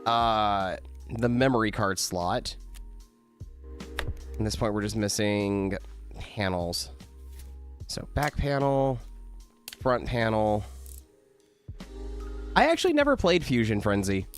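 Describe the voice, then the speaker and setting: A man's voice: on the low side, animated, slow, long pauses, faint music behind. A sick, coughing man streaming games and chatting casually, rambling with lots of "like". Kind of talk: casual gameplay chat.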